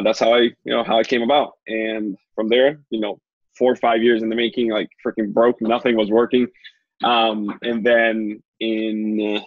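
Husky young man on a muffled call. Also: on the low side, no room sound. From Dominican Republic. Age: 20s. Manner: fast, chatty, lots of fillers and repeats. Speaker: guest, Instagram consultant. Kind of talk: casual interview on a video call. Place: small home room indoors. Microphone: earbuds on a video call. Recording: dull, dry call audio.

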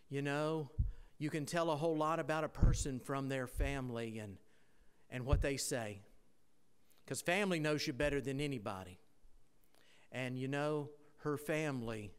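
A man officiating at a funeral in a chapel, speaking gently and consolingly about the woman who died. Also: a little high, clear, resonant tone. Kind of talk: funeral eulogy.

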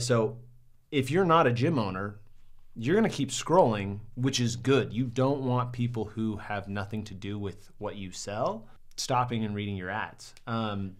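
A young man sitting at a desk in a small studio, casually critiquing ads to the camera in an upbeat way, with lots of "um"s. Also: mid-range voice. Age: young adult. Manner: upbeat, many "um"s and "right?". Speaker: marketing reviewer.

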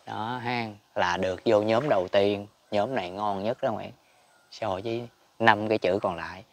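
A man's voice: lowish voice, steady tone, normal speed. A man giving a casual Buddhist teaching talk, chatty and emphatic, chuckling often. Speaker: spiritual teacher.

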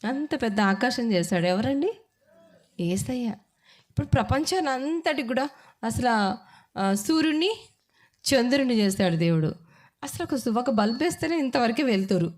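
A woman's voice: a little high, a little mellow. A woman with a Telugu accent preaching at a women's church meeting, fervent and emotional, asking the listeners to call back answers. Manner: fervent, call-and-response, asks the audience to answer. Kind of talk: emotional sermon.

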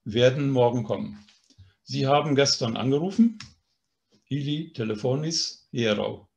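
Slow, patient male language teacher. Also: medium pitch, vocal fry, darkish tone. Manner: patient, explanatory, often adds a questioning "ne?". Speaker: language course instructor. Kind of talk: online language lesson.

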